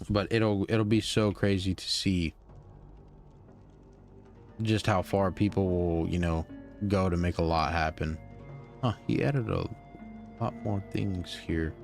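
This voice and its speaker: A man's voice: low-pitched, a little mellow. A tired young man casually commenting while streaming a video game, rambling with lots of fillers and restarts. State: tired, yawning.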